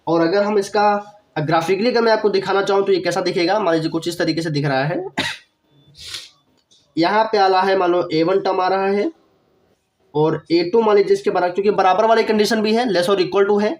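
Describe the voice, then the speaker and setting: A young man's high, brisk voice carries this online math lecture, though he has a cough and isn't feeling well. He goes step by step, repeats key phrases, and addresses questions to the viewer.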